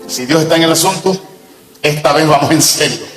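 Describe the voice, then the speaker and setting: A man's voice: a little high, fairly quick, a bit bright, echoey room, long reverb tail, faint music behind, rough recording. A man preaching a sermon at a church service, telling a story with fervent emphasis. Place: church service, also streamed online.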